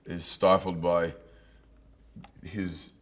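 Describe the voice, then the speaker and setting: A male actor in an interview, talking in a relaxed way and chuckling. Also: low voice, extremely slow, slight background noise. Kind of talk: casual interview chat.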